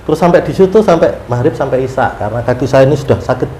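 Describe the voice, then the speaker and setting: A man telling a long story in a casual interview, animated, often laughing and acting out his prayers. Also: medium pitch, fast talker. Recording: roomy room with faint ambient noise.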